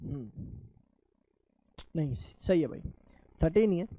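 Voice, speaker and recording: Chemistry teacher quizzing and answering himself. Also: male voice, animated, takes it slowly, dark tone. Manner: asks questions and answers them himself in a lower voice; addresses students affectionately as children. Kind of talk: classroom lecture.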